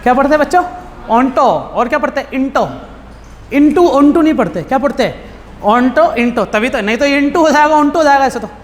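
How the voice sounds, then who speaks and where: A man's voice: extremely high pitch, expressive, quick pace. A male math teacher giving a casual classroom lecture, asking his students questions and answering them bluntly. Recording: hall reverb with faint background noise.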